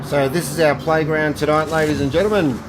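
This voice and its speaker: A man presenting a track guide for sim racing, explaining each part in a measured but enthusiastic way. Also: a little high, fairly even intonation, background noise.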